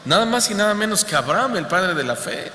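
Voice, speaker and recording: A man's voice: high voice, sing-song, brisk, sharp tone, slight background noise. Echoey male preacher in a church. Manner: preaching with rhetorical questions to the congregation. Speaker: pastor. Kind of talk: sermon. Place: church hall. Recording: echoey church hall with long reverb.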